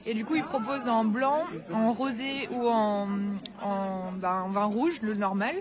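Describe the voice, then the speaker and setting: Speaking at an unhurried pace in a slightly high voice, a young travel vlogger chats to her audience directly, using plenty of fillers. She tours a snowy town's castle and Christmas market, tasting food, while crowd and street sounds fill the outdoor background.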